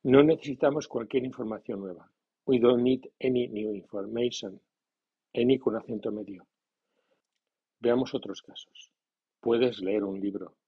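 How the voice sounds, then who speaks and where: A man teaching a grammar lesson in a measured, scripted way, reading example sentences slowly. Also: fairly low pitch, vocal fry, breathy edge. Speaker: language teacher. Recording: dull lo-fi sound.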